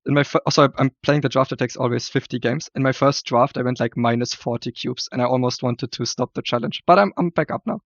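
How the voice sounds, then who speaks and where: A man's voice: mid-range voice, quick pace, gravelly, hardly any pauses, no room sound, muffled recording. A man talking casually as a podcast guest, hesitant and often repeating words as he looks for them. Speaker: podcast guest, card game player. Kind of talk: casual chat.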